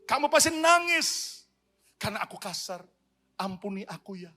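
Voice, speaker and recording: A contrite husband pleads for forgiveness in a quick, earnest rush, as a male preacher acts him out. The voice is bright and a little high. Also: big pitch swings, exaggerated voice. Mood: apologetic. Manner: pleading, apologetic. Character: remorseful husband apologizing to his wife.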